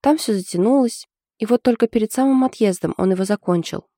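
A woman's voice: medium pitch, fairly quick, mellow, dry recording, clean studio sound, voice pushed up, close to an everyday voice. A woman voicing an anxious young woman in love, confiding in a hesitant way.

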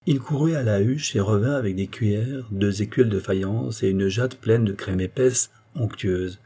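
A man narrating a classic novel as an audiobook in a calm, measured way. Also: lowish voice, breathy edge.

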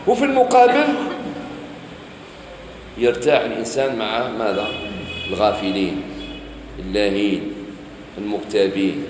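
A man's voice: fairly low pitch, moderate pace, long pauses, noisy background. A man with an Algerian accent giving a religious lesson, quizzing his listeners and telling everyday stories as he teaches. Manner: lively teaching, asks students questions, tells stories. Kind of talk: sermon. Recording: echoey hall, faint ambience.

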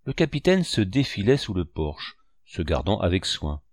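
A male audiobook narrator telling the story in a measured, expressive way. His voice sits low yet moves through a wide pitch range. The recording is dry and close, with no room sound. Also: no echo.

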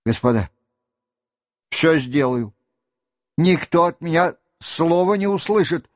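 A man's voice: on the high side, animated, no echo, clean studio sound, pitched above the performer's own voice. A man voicing a flustered young count. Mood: stubborn. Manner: pleading, flustered, hurried. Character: young earnest male count, proud and pleading. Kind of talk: audiobook character reading.

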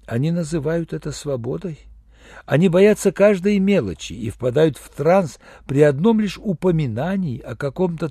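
A man narrating an audiobook with an expressive, gravelly reading close to the mic. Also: a little high, dry recording. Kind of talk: scripted narration.

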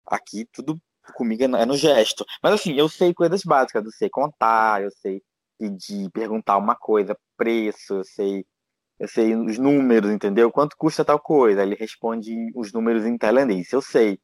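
A man's voice: lowish voice, moderate pace, dry recording. A Brazilian man, a guest in a casual interview, talking in a rambling way with many fillers and restarts. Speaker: guest, teacher living abroad.

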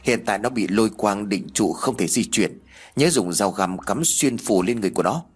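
A man voicing a wounded middle-aged male exorcist who gives urgent orders in a husky voice. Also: fairly low pitch, expressive, moderate pace.

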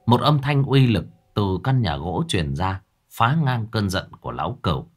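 A man reading a dark fantasy tale aloud with a husky, low voice. His delivery is dramatic and full of rise and fall, with soft music running behind him. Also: moderate pace. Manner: dramatic, expressive. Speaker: storyteller. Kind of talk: scripted narration.

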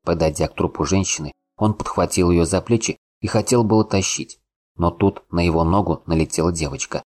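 Deep-voiced male audiobook narrator. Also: fairly quick, a little mellow, faint music behind. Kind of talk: scripted narration.

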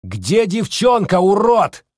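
A man voicing a curt, sharp-tongued male baron arguing in an audiobook council scene. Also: mid-range voice, big pitch swings, normal speed, no room sound, clean studio sound, voice pushed up. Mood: barking. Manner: curt, barking.

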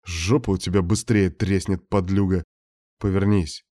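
A man's voice: sits low, steady tone, unhurried, warm tone. A man reading an audiobook voices a hot-tempered young guard who snarls crude insults. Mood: snarling.

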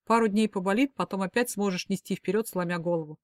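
A woman's voice: mid-range voice, quick pace, no room sound, lightly acted. A woman reading the part of a commanding young man in an audiobook, harsh and protective, his lines spoken close and dry with no room around them. He talks in curt orders that leave no room to argue.

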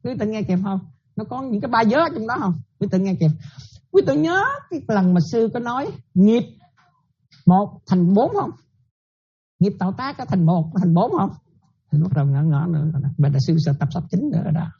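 A woman's voice: medium pitch, lively intonation, moderate pace, husky, highs cut off. A Buddhist nun giving a dharma talk, often checking that her listeners follow and repeating her points.

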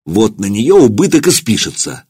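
A man's voice: fairly low pitch, sing-song, normal speed, dark tone, husky, no room sound, studio quality. A man doing a sly, scheming city official. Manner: urgent, conspiratorial. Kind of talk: audiobook character voice.

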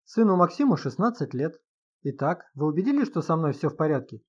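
A man's voice: fairly high pitch, big pitch swings, brisk, muffled recording. A man voicing an irritable, suspicious middle-aged husband who gets agitated and sarcastic in an audiobook reading. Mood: guarded.

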